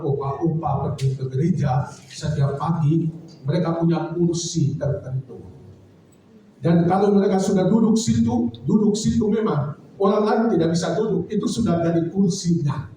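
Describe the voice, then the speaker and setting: Dark-voiced pastor, echoing church hall. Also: male voice, high-pitched, slight background noise. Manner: earnest, reflective storyteller. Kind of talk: sermon with personal storytelling. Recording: very echoey hall, voice from far off.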